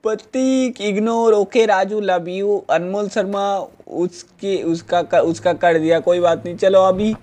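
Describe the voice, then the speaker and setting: A young Indian man doing live, playful commentary on a game he is playing, mock-scolding the characters in it and jumping between low grumbles and high yelps. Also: fairly even intonation, unhurried, hardly any pauses, a little mellow. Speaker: gaming streamer. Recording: noisy game stream with car sounds.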